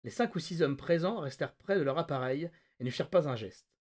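A man's voice: a little high, animated, brisk, a little mellow. Man reading a novel aloud, dramatic. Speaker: podcast host reading a novel. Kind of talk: expressive read-aloud narration.

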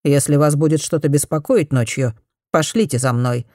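A woman reading an audiobook, voicing a blunt, matter-of-fact male doctor in a slightly lower voice. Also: moderate pace, mellow, no room sound, studio quality. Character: blunt plain-spoken male country doctor.

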